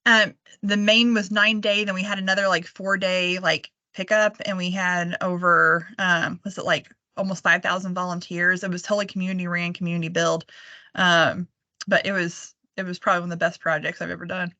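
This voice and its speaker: A woman's voice: fairly low pitch, little pitch movement, brisk, bright, forceful tone, no echo. Chatty woman in a webinar. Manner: casual, chatty, many fillers. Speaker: event organizer. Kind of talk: webinar conversation. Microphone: video call.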